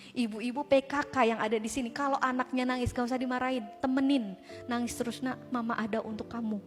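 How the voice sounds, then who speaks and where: A woman giving an animated, conversational religious talk to a live audience of women, often asking the crowd rhetorical questions. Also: fairly high pitch. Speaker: speaker addressing a women's community group. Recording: long hall reverb with music behind.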